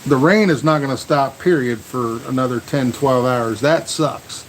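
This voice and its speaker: An American livestream host chats casually outdoors by a truck in the rain during a storm vlog. He has a mid-range voice at normal speed, rambling folksily and repeating words, on poor audio with a little hiss or hum.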